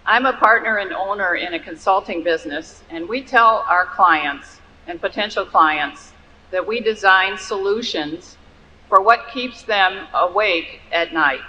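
A woman stands in the audience of a large hall and asks a polite, formal question. Her voice is bright and clear-edged. The sound carries a long hall reverb and a dull lo-fi tone. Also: mid-range voice, unhurried. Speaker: shareholder asking a question. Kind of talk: audience question at a floor mic.

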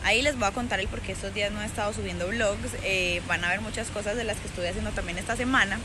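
A young adult woman from Antioquia, Colombia, chats playfully into her phone at arm's length in a casual selfie vlog, her paisa accent clear. She talks quickly at a medium pitch with a steady tone, outdoors at a beach and later a club, with background noise.

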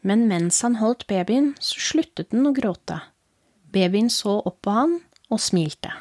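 A woman with a Norwegian accent reading a horror story aloud as a podcast host, in a calm, low, steady storytelling voice. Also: dry recording, studio quality. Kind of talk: scripted horror story narration.

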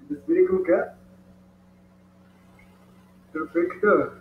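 A man with a high voice and a Colombian Spanish accent walks children through folding and coloring a paper dog, checking in with them often. He sounds distant from the microphone, in a roomy space. The recording is dull, with a faint hum underneath. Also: wildly swooping pitch, slow pace. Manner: patient, encouraging, talks to the kids directly. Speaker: origami instructor. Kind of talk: step-by-step craft tutorial for children.

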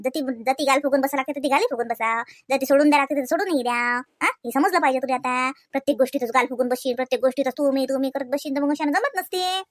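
A woman's voice: high voice, fast talker, few pauses, no room sound, studio quality, close to an everyday voice. A woman voicing an older female family elder in a cartoon, scolding but kindly and giving homely advice. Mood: coaxing. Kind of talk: cartoon voice acting.

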